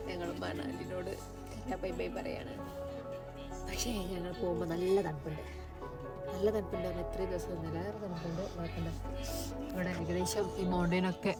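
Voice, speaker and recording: A woman chatting casually to vlog viewers, mixing English words into her Malayalam. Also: lowish voice. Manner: addresses viewers informally. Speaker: travel vlogger. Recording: music behind the voice. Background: music.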